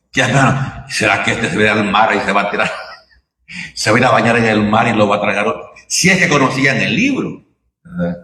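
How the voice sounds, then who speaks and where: Here a pastor with a mid-range, bright and forceful voice delivers a sermon in a chatty style, repeatedly checking with listeners through "right?" and "you understand?" He sounds far from the mic in an echoey space.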